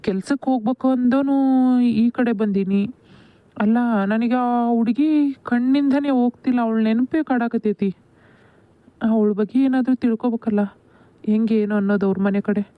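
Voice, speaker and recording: A woman's voice: on the high side, moderate pace, pauses often, no echo, natural voice. A woman voicing a lovestruck cartoon young man. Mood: eager. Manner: eager, prying. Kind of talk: cartoon voice acting. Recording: dull lo-fi dry audio.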